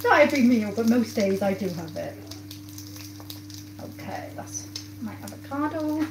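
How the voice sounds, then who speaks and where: A woman talks slowly and easily to her live viewers as she cooks at home. Her voice sits a little high, picked up by a phone on the counter. Clear sizzling and kitchen clatter run behind her. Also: animated, background noise. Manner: chatty, talks to viewers while busy at the stove. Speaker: cooking livestream host. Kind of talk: casual live chat while cooking. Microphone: phone camera close by on the counter.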